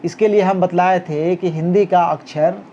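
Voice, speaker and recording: A man teaching a handwriting lesson, talking slowly through each stroke as he writes and checking in with a rising "okay?" after every step. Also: high voice, fairly even intonation, warm tone. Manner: talks while writing, guiding each stroke. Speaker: Urdu teacher. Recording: dull lo-fi recording with faint noise.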